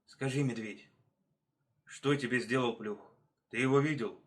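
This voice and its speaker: A man's voice: mid-range voice, a little slow, lightly acted. A man doing a bold commanding snow leopard. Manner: commanding, questioning.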